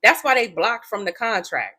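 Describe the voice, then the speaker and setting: Speaking straight to her viewers at normal speed, a woman gives a casual tarot reading in a sharp, medium-pitched voice with big swings in pitch. She is blunt and swears freely, frequently breaking into laughter.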